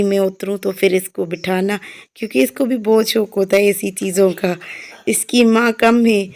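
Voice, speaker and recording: Flat-voiced chatty woman vlogger. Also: medium pitch, vocal fry. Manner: chatty, meandering, frequent fillers. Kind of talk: casual vlog voice-over narration.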